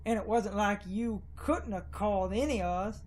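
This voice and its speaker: A woman voicing a gruff middle-aged male small-town cultist in a put-on deep Southern drawl, slow and matter-of-fact. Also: darkish tone, close to an everyday voice. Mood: grim.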